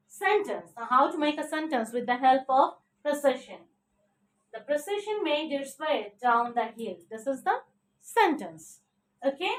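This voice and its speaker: In an English vocabulary class, a woman spells each word letter by letter and keeps checking in with "okay?". She has a high-pitched, slightly bright voice, and the room echoes with her somewhat distant from the microphone.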